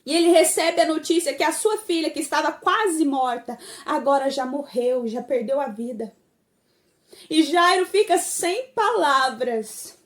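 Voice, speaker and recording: High-voiced impassioned woman preaching. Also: unhurried. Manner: impassioned, dropping soft for quoted words. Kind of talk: sermon.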